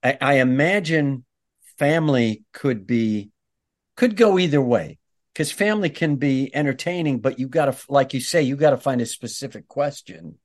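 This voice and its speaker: A man hosting a podcast, asking questions in a relaxed, conversational way and joining in with jokes. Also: mid-range voice, normal speed. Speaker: podcast host. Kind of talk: casual interview chat.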